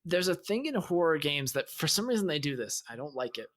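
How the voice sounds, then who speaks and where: A man's voice: fairly high pitch, sing-song, brisk, fairly bright tone. A man co-hosting a gaming podcast, explaining game mechanics analytically in casual chat. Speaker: podcast co-host.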